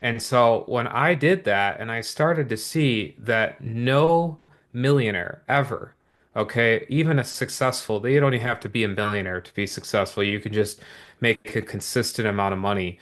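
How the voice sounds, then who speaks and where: In an upbeat, motivational livestream pitch, a man presents a business opportunity to viewers. His energetic delivery leans heavily on repetition and quick asides.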